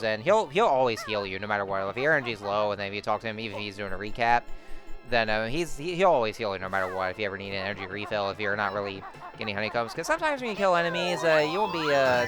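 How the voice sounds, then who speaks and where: A man's voice: medium pitch, pushed and bright. A man giving casual, rambling game commentary full of fillers and restarts. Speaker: let's-play host.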